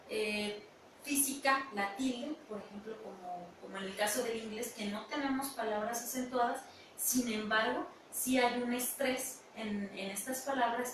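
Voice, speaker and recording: A woman's voice: a little high, a bit bright. A woman, an English teacher speaking as a radio guest, explaining with many fillers and restarts. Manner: hesitant, with fillers. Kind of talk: educational radio talk. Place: radio studio. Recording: echoey room, distant mic, noisy.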